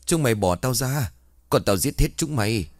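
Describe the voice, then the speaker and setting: A man's voice: medium pitch, expressive, moderate pace, dry recording, pitched above the performer's own voice, close to an everyday voice. A man plays a possessed young man in a spoken ghost tale, snarling threats in a raised voice. The voice swings widely and sits close and dry. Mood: raging.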